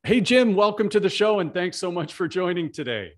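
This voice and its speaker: This one's high and sing-song, a touch fast, with a little hiss or hum in the audio. The same friendly, middle-aged Canadian podcast host runs a relaxed interview via video call on a desk mic, sprinkling in plenty of "you know"s.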